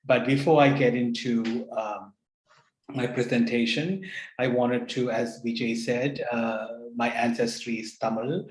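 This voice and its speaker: A man's voice: mid-range voice, fairly even intonation, unhurried. Hesitant man speaking in an echoey room. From Sri Lanka. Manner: earnest, hesitant with many fillers. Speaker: panel speaker. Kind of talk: online panel talk. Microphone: video call.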